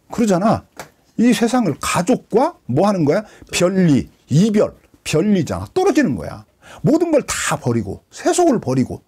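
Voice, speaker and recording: Husky, high-voiced man preaching. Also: dark tone. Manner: asks and answers his own rhetorical questions. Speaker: pastor. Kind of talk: Bible teaching sermon.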